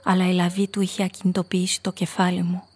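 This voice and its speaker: In a scripted radio play, an actress voices a frightened blackmailer who recounts her own story in an intimate, confessional first-person way. Her voice is low-ish, husky and darkish, delivered in a monotone that sounds shaken and somber.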